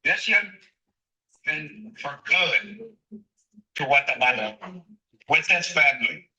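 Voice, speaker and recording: Man on speakerphone, very bright voice. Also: fairly high pitch, big pitch swings, highs cut off. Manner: hurried, halting, pleading for more time. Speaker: defense attorney calling the judge. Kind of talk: phone call in court. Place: in a car on the road.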